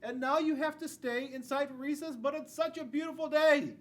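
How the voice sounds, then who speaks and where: With a steady tone and a slightly fast pace, a school resource police officer, an American man in his forties, dramatically reads a children's picture book and asks the kids questions. It's recorded indoors in a classroom on a camera a few feet away, with noticeable room noise and a low rumble.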